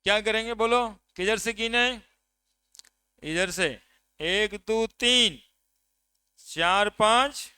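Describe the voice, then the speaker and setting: A man's voice: sits high, slow, long pauses, sharp tone, clean tone, dry recording. A man from India teaching a chemistry class, counting atoms aloud and checking with his students. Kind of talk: classroom lecture.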